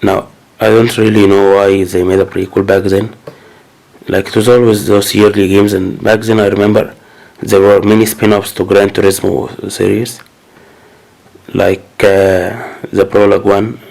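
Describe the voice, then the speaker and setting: In a casual unboxing, a gaming channel host with a cold talks at a normal speed with little pitch movement. His voice sits on the low side, creaky and a little mellow, and he hesitates often with fillers and restarts, all on poor audio.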